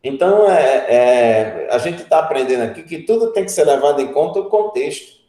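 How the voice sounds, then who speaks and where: A man's voice: a little high, expressive, moderate pace, mellow. A Brazilian man with a northeastern accent teaching a theology class, explaining patiently and often checking with his students. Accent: Brazilian Portuguese, northeastern. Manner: explanatory, frequent "né?" checks, addresses students as brothers. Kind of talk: classroom lecture. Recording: echoey room.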